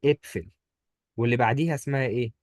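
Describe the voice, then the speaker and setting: A man's voice: mid-range voice, very fast, a little mellow, no room sound, clean studio sound. A man with an Egyptian Arabic accent, teaching German pronunciation one-on-one, patiently repeating each word for his student. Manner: patient, drills words by repeating them.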